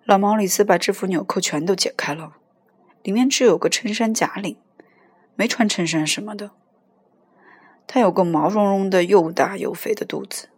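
A woman narrating a novel in the first person, with a steady storytelling delivery. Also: mid-range voice, normal speed, long pauses, breathy edge. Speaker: audiobook reader.

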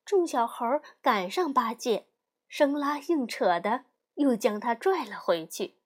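A woman tells a storybook tale in a clear, lively narrating style. Her voice sits high. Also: unhurried.

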